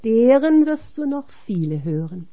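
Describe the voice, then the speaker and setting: A woman reading a religious text aloud in a measured, solemn way. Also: on the high side, big pitch swings, mellow, lo-fi sound. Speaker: reader.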